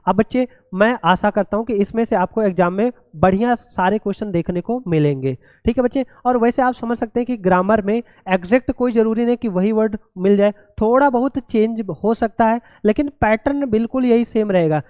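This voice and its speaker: A man's voice: high-pitched, fairly quick, few pauses, a little mellow, no echo. A male teacher giving an exam-prep grammar lesson, often calling his students "children" and spelling words letter by letter.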